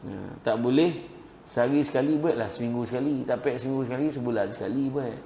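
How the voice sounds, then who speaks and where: A man with a Malaysian accent giving a lively, jokey sermon as a preacher. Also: medium pitch, fast. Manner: lively, jokey preaching with a rising, animated delivery. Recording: echoey hall with faint noise.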